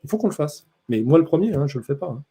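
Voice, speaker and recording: A man's voice: a little high, expressive, fast, warm tone, slightly rough. A man, a print journalist, giving a conference talk in an impassioned, emphatic way.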